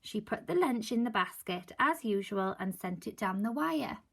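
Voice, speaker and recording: Gently gravelly teacher reading a storybook. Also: female voice, medium pitch, lively intonation, normal speed. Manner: gentle, asks the children questions in soft asides. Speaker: primary school teacher. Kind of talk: reading a picture book aloud to a class.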